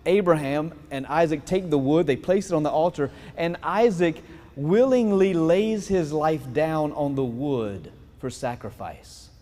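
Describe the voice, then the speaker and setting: A man's voice: a little high, a little mellow, in a large hall. A male priest preaching a homily in a conversational, storytelling way, often checking in with his listeners. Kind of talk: sermon. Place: church.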